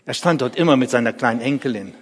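A man giving a dramatic first-person biblical monologue, vivid and emotional, moving between hushed and loud. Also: mid-range voice, fast talker, husky. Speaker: storyteller. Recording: reverberant hall.

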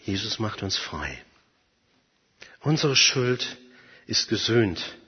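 Husky male preacher, lively and high-ish voice, long echoing hall; emphatic sermon. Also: takes it slowly. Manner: emphatic, swinging from soft to loud. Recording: dull sound, long hall reverb.

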